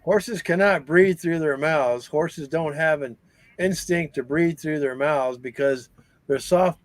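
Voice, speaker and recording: A man reading fun facts aloud during a relaxed live-stream chat, his voice a little higher than most men's. He slips in dry jokes between the facts. The sound is dry and close to the mic. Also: slow, dry recording.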